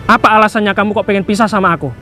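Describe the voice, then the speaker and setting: A man voicing a wounded husband who pleads and scolds by turns. His voice sits rather high for a man, over faint music in the background. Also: steady tone, rapid-fire, pushed and bright. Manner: reproachful, pleading. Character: wronged husband feigning blindness, pleading and indignant. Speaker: husband back from working abroad. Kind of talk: amateur skit acting.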